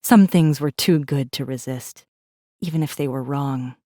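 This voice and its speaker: Her pitch is extremely low and her tone warm as she reads a little slowly, recorded clean in a studio with no room sound. This audiobook narrator voices a bitter, defiant rebel assassin held captive, telling her tale in brooding, intense first-person narration.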